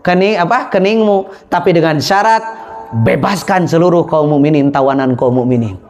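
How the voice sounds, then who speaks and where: A man's voice: a little high, moderate pace, darkish tone, close to an everyday voice. A man voicing a devout young male captive who stays firm in his faith, in an earnest, raised declaiming tone. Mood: steadfast, earnest.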